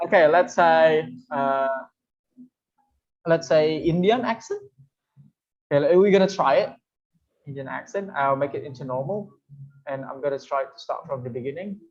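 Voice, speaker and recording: An English teacher, giving a casual, chatty online teaching demo with many fillers. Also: mid-range voice. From Indonesia. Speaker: webinar presenter, English teacher. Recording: dull lo-fi webinar audio.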